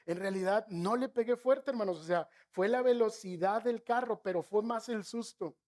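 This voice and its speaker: Middle-aged Mexican pastor, raised pitch, storytelling sermon with asides to the congregation. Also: male voice. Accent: northern Mexican. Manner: slows and softens to stress key phrases.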